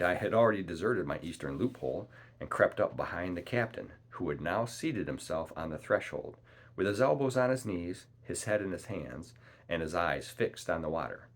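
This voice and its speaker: A man reads a classic novel aloud in a steady, unhurried way. His voice is very deep. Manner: measured, calm storytelling. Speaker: audiobook reader.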